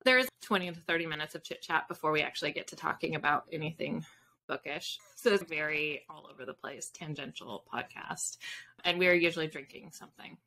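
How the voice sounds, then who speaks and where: A woman in her thirties, an author and podcast guest, talks casually on a video call from an indoor room with bookshelves. Her deep voice is fairly quick, creaky, pushed and bright, and the low-quality recording carries slight background noise. She's informal and prone to drifting and rephrasing.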